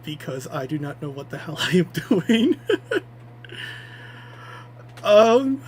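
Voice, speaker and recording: A man's voice: on the high side, sing-song, takes it slowly, a little hiss or hum. Nervous man on a livestream mic. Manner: nervous, rambling, self-deprecating. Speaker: VTuber streamer. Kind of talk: debut livestream self-introduction. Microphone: streaming microphone.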